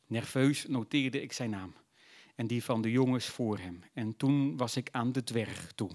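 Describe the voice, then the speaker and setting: A man reads a literary novel aloud in a measured, reflective manner. His voice sits in a middle register. The delivery is steady and thoughtful. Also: mid-range voice. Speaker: narrator. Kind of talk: literary audiobook narration.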